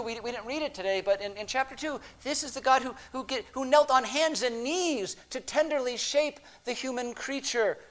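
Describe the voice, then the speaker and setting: A man preaching a sermon, swinging between hushed, drawn-out phrases and emphatic, raised passages. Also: high voice.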